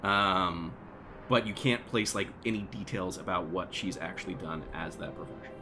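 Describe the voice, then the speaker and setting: Rambling low-voiced male game master. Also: normal speed, bright, forceful tone. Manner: rambling, many fillers like "like" and "you know". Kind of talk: narrating a tabletop game. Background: background music.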